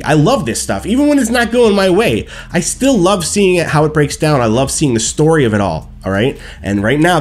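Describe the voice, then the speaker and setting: A man in his thirties on a headset at home, ranting emphatically about a hockey game after it ends and checking in with his viewers with "okay?" and "right?". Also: on the high side. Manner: animated, emphatic, keeps asking "okay?" and "right?". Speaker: hockey fan streamer. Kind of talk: post-game hockey rant. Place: small room at home, seated in gaming chair.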